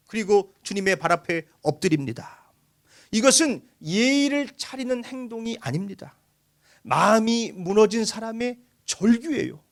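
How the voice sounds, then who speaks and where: High-voiced emotive male pastor. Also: vocal fry, fairly bright tone. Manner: emotive preaching, voicing the grieving with raised pitch. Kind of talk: sermon.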